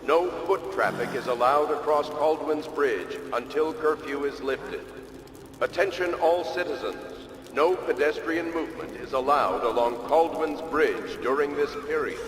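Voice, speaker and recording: A stern, official-sounding man reads out a formal curfew order over a public loudspeaker. His fairly high voice booms in a commanding way through a roomy echo. Loud game noise runs underneath the broadcast. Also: a little slow, long pauses. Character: stern male city official announcing curfew. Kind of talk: video game voice acting.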